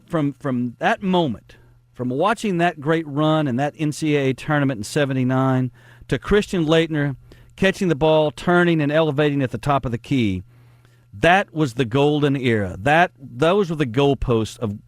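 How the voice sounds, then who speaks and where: A man's voice: medium pitch, no room sound. A man in his forties hosting sports talk, rambling nostalgically and laughing at himself. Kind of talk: casual sports talk monologue.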